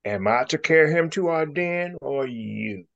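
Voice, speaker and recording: A man's voice: on the high side, lively intonation, vocal fry, fairly bright tone, voice pushed up, full character voice. A man voicing a stubborn, argumentative male alligator in a storybook. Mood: arguing. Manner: argumentative, drawn-out. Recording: dull lo-fi recording.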